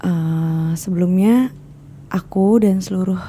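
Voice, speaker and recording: A woman hosting an interview podcast, asking gentle questions in a soft, often half-whispered way. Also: fairly low pitch, slow pace, noisy background. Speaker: podcast host. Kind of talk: casual interview.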